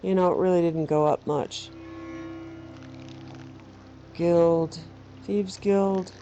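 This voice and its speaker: A woman's voice: lowish voice, steady tone, slow pace, mellow, lo-fi sound, soft background music. A woman casually commentating on a game she is playing and reading bits of its text aloud. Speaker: gamer host. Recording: faint background noise.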